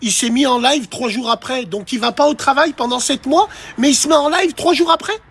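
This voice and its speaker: A man's voice: very high-pitched, a little fast, gravelly, fairly bright tone, breathy edge. A man ranting on a live stream, talking straight to his chat in a crude, provocative and mocking way. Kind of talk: casual live-stream rant.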